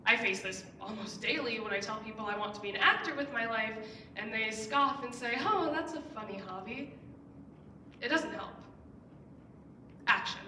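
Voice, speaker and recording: A woman's voice: on the high side, sharp tone, a little hiss or hum. A young woman in her late teens, a student giving a persuasive speech from a school stage in an earnest way, pushing key words up with emphatic rises. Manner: earnest, with emphatic rising stresses. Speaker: student speaker. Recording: roomy echo, heard from some distance.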